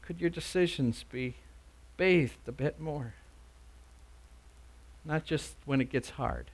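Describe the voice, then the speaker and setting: A man preaching a sermon, emphatic and repeating words for stress, swinging between loud urging and soft asides. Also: a little high, slow, husky.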